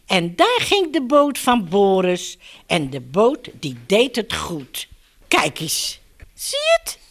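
A woman's voice: mid-range voice, takes it slowly. A woman reading a picture book aloud to children and talking to them directly as she turns the pages. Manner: animated, addresses children directly. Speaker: children's story reader.

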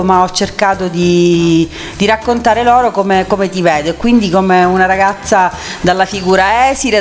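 A woman hosting a conversational radio interview, effusive, with halting, repeated phrases. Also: medium pitch. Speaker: radio host.

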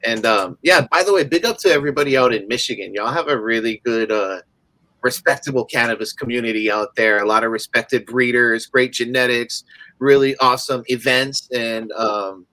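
A man's voice: mid-range voice, normal speed, bright, forceful tone, no room sound, rough recording. A man from the Pacific Northwest and Hawaii, a company founder chatting casually as a guest, laid-back and rambling with many fillers. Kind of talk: casual podcast interview.

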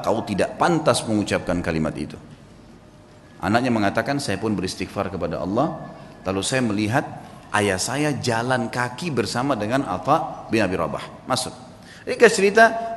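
Animated male preacher in a reverberant hall. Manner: animated, acts out quoted speakers with big pitch swings. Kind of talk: storytelling sermon.

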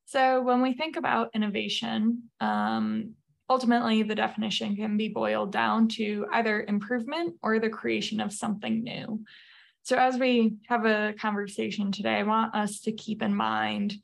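A woman speaking as a podcast guest over a video call, explaining at a measured pace with frequent fillers. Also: fairly high pitch, fairly even intonation, creaky. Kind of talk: presenting slides in a remote interview.

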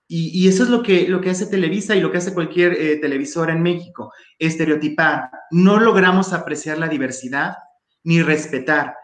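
A man with a Mexican accent, a guest in a casual chat, opinionated and critical, using local slang. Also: on the high side. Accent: Mexican Spanish. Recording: echoey room.

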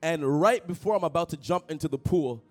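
In a brisk, somewhat high voice backed by soft music, a young Toronto pastor preaches. The sermon leans on jokey personal stories, and his animated delivery includes calling out to the congregation.

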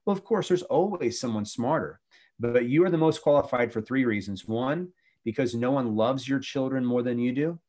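A man's voice: medium pitch, normal speed, warm tone. A middle-aged man, a former youth pastor, talking about faith and family in an earnest, preachy way with many restarts.

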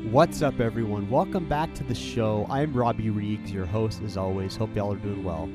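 A man hosting a podcast in a casual, informal and emphatic way, with excited delivery. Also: lowish voice, normal speed, music in the background. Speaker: podcast host. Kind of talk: casual podcast intro and interview.

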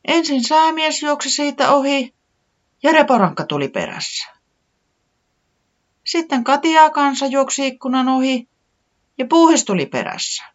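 A storybook reader voicing a small sick chick who frets and exclaims in a high voice. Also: long pauses, lo-fi sound. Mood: excited. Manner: high, excited and complaining. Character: small sick worried chick, easily upset.

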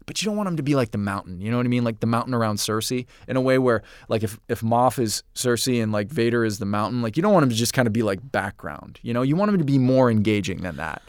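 A man's voice: medium pitch, expressive, fast, hardly any pauses, smooth, no room sound, clean studio sound. A man co-hosting a podcast in casual chat, talking in enthusiastic, rambling stretches that often stop and restart. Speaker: podcast co-host.

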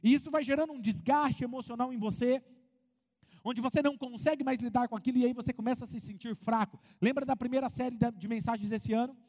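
A man preaching a sermon as pastor, in an animated way. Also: extremely high pitch, fast, big-room sound. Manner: animated preaching, acts out congregants' voices.

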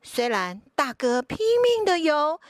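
A woman reading a picture book aloud to young children, expressive and drawn out, as if to a toddler. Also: high voice, unhurried, no echo, clean studio sound. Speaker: picture-book reader, podcast host.

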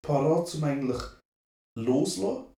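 A man's voice: on the high side, moderate pace, creaky, warm tone. A young man with a Swiss German accent, co-hosting a podcast and telling a story in slangy casual chat full of tag questions. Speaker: podcast co-host. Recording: echoey room, distant from mic.

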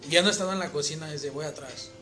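A man's voice: fairly high pitch, fast, over loud music. A man with a Mexican accent, a cook on a podcast, who explains his point with examples in casual chat. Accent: Mexican Spanish.

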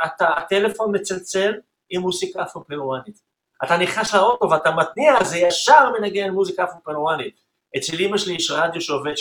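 A man and music teacher explaining rhythm in an interview, patiently counting beats out loud and voicing drum patterns. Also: a little high, roomy sound.

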